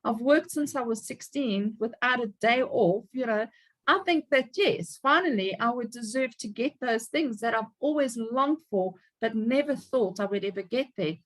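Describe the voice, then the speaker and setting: A woman's voice: on the high side, moderate pace. Upbeat woman in her fifties. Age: 50s. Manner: upbeat, emphatic, preachy. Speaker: team leader in an online group call. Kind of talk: motivational talk on a group call.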